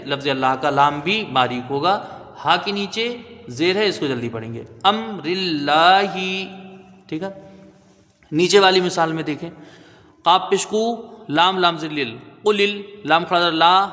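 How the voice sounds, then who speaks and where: A man teaching Quranic recitation, spelling out letters and then slowly chanting each word, often checking with "right?". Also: a little high, bright, forceful tone, big-room sound. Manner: patient, drawn-out chanting of each word, frequent "theek hai?" checks.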